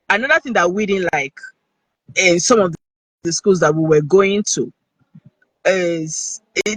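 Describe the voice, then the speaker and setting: A Nigerian man talks earnestly over a video call, his voice pitched fairly high for a man and a little husky. The sound is dry and close, with no room echo, and he keeps checking in with his listener as he talks. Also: fairly bright tone. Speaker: guest speaker. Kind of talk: casual live-stream talk.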